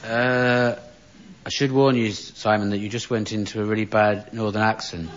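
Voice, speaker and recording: A man's voice: on the low side, level tone, moderate pace, some chatter behind. Teasing man panelist. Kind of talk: comic banter. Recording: dull audio with audience noise.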